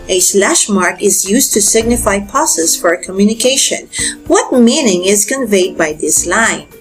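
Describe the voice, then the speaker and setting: A woman teacher reading exam review questions and their choices aloud. She explains each answer and asks the listener questions. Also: medium pitch.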